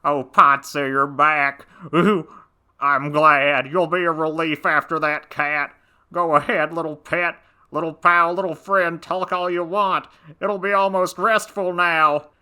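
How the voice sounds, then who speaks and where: A man's voice: fairly high pitch, fairly even intonation, measured pace, pushed and bright, clean tone. A man voicing a weary, exasperated male pet owner on a storybook record. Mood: relieved. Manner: exasperated, groaning.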